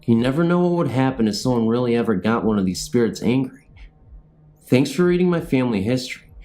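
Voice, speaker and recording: A man's voice: mid-range voice, lively intonation, quick pace, dark tone, soft background music. A man reading spooky family ghost stories aloud, then talking in a rambling, self-deprecating way as host. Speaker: channel host and storyteller.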